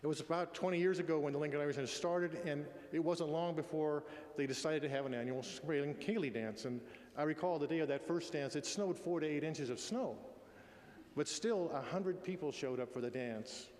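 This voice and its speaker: A man in his sixties giving a eulogy in a tender, faltering, halting way. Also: on the high side, darkish tone. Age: 60s. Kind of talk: eulogy, spoken address. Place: large echoey room at a memorial gathering. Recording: echoey hall with long reverb.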